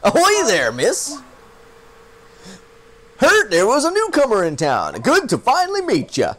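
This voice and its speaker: A man's voice: very high-pitched, wildly swooping pitch, unhurried, a bit bright, voice pushed up, exaggerated voice. A man putting on the voice of a folksy old fisherman who runs a shop, with a hearty, rustic drawl.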